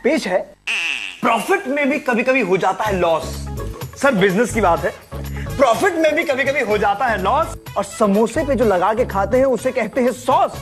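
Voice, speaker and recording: A cheeky young cartoon man who loves reciting silly rhymes, his voice fairly high and bouncing all over the place, as a woman acts him out. Music plays clearly behind him. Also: lively intonation, normal speed, close to an everyday voice. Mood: showy. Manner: showy, playful, theatrical. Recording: music in background.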